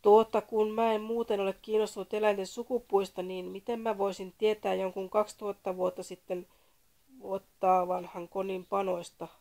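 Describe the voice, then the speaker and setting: A woman's voice: fairly low pitch, creaky, darkish tone. A woman voicing an irritated middle-aged man who poses as a radio psychiatrist in a read-aloud story, blunt and exasperated. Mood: annoyed.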